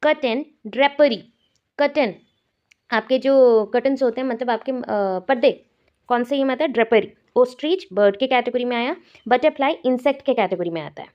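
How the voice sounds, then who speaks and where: A woman's voice: fairly high pitch, normal speed, highs cut off. A woman teacher from India giving an exam-prep lecture, explaining terms step by step and repeating the key words.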